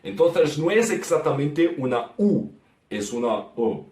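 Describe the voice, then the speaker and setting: A man with a Brazilian Portuguese accent, a native Portuguese speaker, slowly teaching vowel sounds and repeating example words. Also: on the high side, sing-song, darkish tone, echoey room, recorded from a distance. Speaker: guest teacher. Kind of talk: language lesson.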